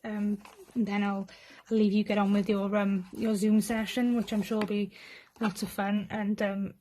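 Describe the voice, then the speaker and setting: A woman poet speaks in a Rhondda, Welsh Valleys accent. Her voice is soft-edged and mellow, with little rise and fall in pitch. She sounds understated and self-deprecating, as at an informal poetry reading. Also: level tone, normal speed, poor audio. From Rhondda, South Wales.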